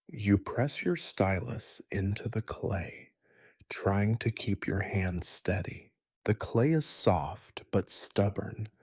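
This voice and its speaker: Deep slow-whispering man. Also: husky, no echo, clean studio sound. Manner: soft unvoiced whisper, gentle. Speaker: sleep story narrator. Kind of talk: whispered role-play.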